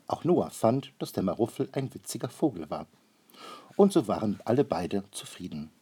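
Husky male storyteller reading aloud. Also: fairly low pitch, sing-song, moderate pace, dark tone. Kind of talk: storybook read-aloud narration.

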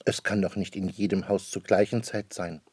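A calm, caring storybook mother who speaks gently and reassuringly, as a man reads her lines. Her voice sits low for a woman and sounds dry and close. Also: moderate pace, breathy edge, no room sound. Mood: gentle.

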